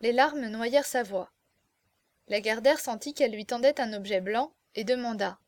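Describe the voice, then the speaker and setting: Woman, audiobook narrator, classic novel, measured, expressive, fairly high voice, dry sound. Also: dry recording.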